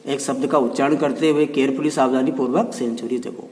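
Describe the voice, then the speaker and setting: A male teacher explaining an English textbook lesson in Hindi. He reads the English lines slowly, then explains them and repeats the meanings with frequent check-ins. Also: mid-range voice, little pitch movement, darkish tone. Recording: echoey room, voice from far off.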